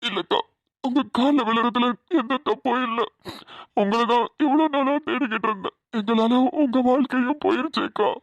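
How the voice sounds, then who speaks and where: A woman's voice: fairly high pitch, normal speed, dry recording, dull audio, lightly acted. Woman voicing an emotional old grandfather. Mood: remorseful. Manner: emotional, pleading. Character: elderly grandfather, emotional and remorseful. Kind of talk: Tamil cartoon voice acting.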